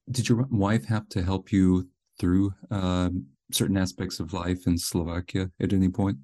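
A man's voice: low-pitched, level tone, takes it slowly, a little mellow. A middle-aged man hosting a show, moving between scripted narration and interview questions.

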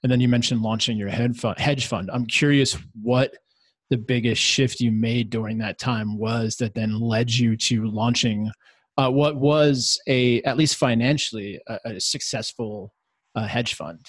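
A man's voice: mid-range voice, steady tone, a little slow, no room sound. Podcast host guy, mid voice, dry close sound, curious and encouraging. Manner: encouraging, curious, with many short affirmations. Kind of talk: interview questions and short reactions.

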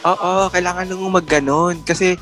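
A man's voice: sits high, normal speed, faint music behind. Chatty man hosting a casual podcast. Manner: chatty, animated storytelling with laughs. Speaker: podcast host. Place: quarantine facility room, indoors.

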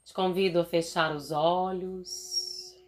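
Leading a guided meditation, a woman with a Brazilian Portuguese accent speaks soothingly and deliberately, pausing at length between phrases. Her voice sits on the low side and moves through big pitch swings.

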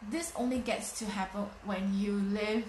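A woman's voice: medium pitch, steady tone, measured pace, a little mellow, slight background noise. A woman in her late thirties giving a motivational talk, emphatic and fond of repeating phrases for effect. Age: 30s. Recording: echoey room.

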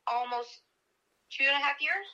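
Woman in her forties, American accent, bright forceful voice, casual storytelling, speakerphone. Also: high voice, lively intonation, normal speed, highs cut off. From Tri-Cities, United States. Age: 40s. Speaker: interview guest. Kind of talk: casual recounting. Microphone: speakerphone call.

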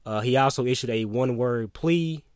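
A man's voice: medium pitch, moderate pace, darkish tone, clear, resonant tone, dry recording, clean studio sound. Blunt, emphatic man giving opinions. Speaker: opinion commentator. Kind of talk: solo opinion monologue.

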